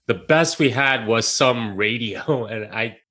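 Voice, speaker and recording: A man's voice: medium pitch, takes it slowly, bright, forceful tone. A man from South Korea, a podcast guest, telling stories in a casual, rambling way with lots of fillers, restarts and laughs. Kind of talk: casual interview chat.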